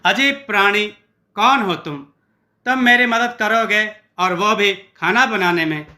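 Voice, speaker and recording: A man's voice: sits high, unhurried, sharp tone, full character voice. A man voicing a timid, lazy young cook who frets over every task. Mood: fretful.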